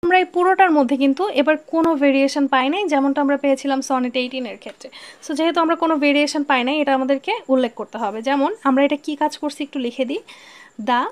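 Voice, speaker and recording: A woman with a Bangladeshi accent and a high voice teaches exam prep. She is patient, reads English lines slowly, and keeps checking that her students follow. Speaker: English literature tutor. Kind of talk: online exam-prep lesson.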